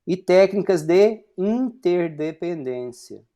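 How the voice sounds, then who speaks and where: A man's voice: high-pitched, expressive, takes it slowly, mellow. A man in his forties from Brazil giving an online university lecture, explaining step by step with frequent fillers and rhetorical questions. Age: 40s.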